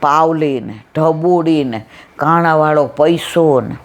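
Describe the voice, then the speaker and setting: A woman's voice: sits low, takes it slowly. A woman giving a devotional satsang talk. She tells stories from her memories and acts out what people said. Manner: reminiscing, quotes people in little voices. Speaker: satsang speaker.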